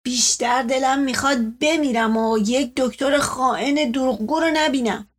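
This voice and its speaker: A woman voicing an irascible, paranoid old family patriarch who shouts accusations. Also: sits high. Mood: indignant.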